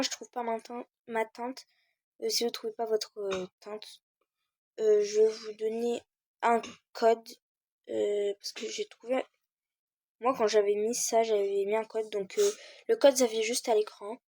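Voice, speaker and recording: A teenage girl talks through a game tutorial at her computer, slow and full of hesitant fillers. Her voice sits a little high but sounds mellow and soft. The recording is dry and close, with no room sound. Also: little pitch movement, dry recording. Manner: hesitant, many "euh" fillers, talks while searching. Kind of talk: casual screen-recorded tutorial.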